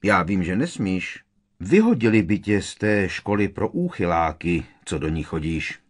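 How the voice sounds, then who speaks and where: A man's voice: low voice, lively intonation. A man voicing a sullen, sneering teenage bully who snaps and growls his retorts. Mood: sulky. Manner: sulky, snapping, growling retorts.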